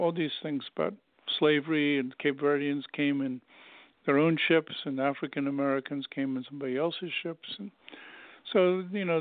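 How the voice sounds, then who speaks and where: A man's voice: fairly high pitch, no room sound. An older man, an anthropology professor, talking as a guest in an interview, thoughtful and rambling with many fillers. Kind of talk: conversational interview. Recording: tinny phone-like call audio.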